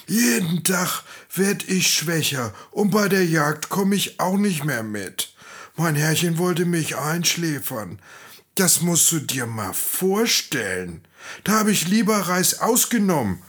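A man's voice: on the high side, animated, slow pace, a bit bright, breathy edge, pitched above the performer's own voice, full character voice. A man doing a whiny old hound. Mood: whining. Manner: whiny, breathless, plaintive. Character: worn-out old male hunting dog, self-pitying.

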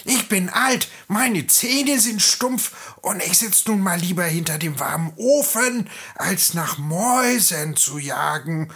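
A grumpy old cat from a storybook, hissing out her complaints in a sulky, whining voice, as a man puts her on. Pitched far above a man's normal range, with a thin, unusual timbre and a husky touch. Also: expressive, slow pace, few pauses, fairly bright tone, full character voice. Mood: grumbling. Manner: hissy, sulky, whiny.

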